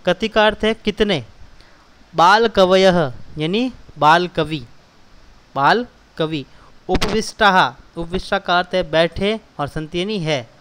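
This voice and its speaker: A man's voice: high-pitched, a bit bright, a little hiss or hum. A male teacher patiently explaining a school exercise to children, glossing each word and repeating key terms.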